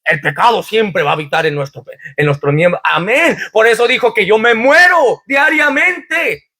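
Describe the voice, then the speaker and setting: Male pastor, very high and forceful voice, fervent church sermon. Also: animated, normal speed. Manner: preaching with fervor, quoting scripture, rhetorical questions.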